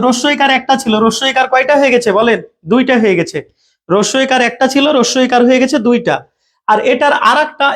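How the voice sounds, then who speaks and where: High-voiced man teaching grammar. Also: fairly bright tone. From Bangladesh. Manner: repeats questions to students, checks understanding often. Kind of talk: live online class.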